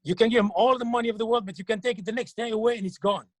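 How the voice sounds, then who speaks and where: Man, husky, fairly high, dry close sound, halting speech with repeated words. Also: fairly even intonation, no room sound. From Algeria. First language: French. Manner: earnest, halting, repeats words while searching for them. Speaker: clown and children's TV performer. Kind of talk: interview answers.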